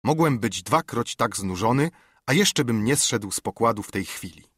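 A man reading an adventure novel aloud as an audiobook narrator, in an expressive, lively manner. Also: medium pitch, normal speed, breathy edge, dry recording, clean studio sound. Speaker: audiobook reader. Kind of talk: scripted narration.

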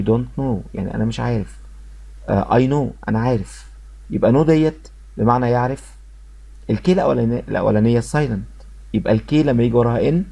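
A man's voice: mid-range voice, creaky, warm tone, slightly rough. A man with an Egyptian Arabic accent teaching an English lesson, drilling each word by repeating it and talking straight to his students. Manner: repeats words slowly to drill pronunciation; addresses students directly. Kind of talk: classroom lesson explanation.

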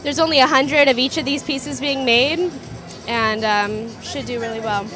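Into a handheld interview mic, a young Southern Californian designer talks casually at a busy indoor trade show booth as loud music plays. Her voice sits high at a normal speed, and her manner is relaxed, packed with fillers, slightly trailing off.

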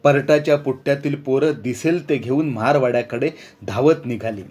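A man narrating a village story in an expressive, measured reading. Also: mid-range voice.

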